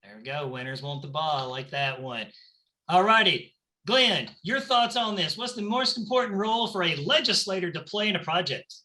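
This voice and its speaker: A man's voice: sits high, pushed and bright. A man with a Southern US drawl hosting a family game show over a video call, playful and chatty. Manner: playful, chatty, quick banter.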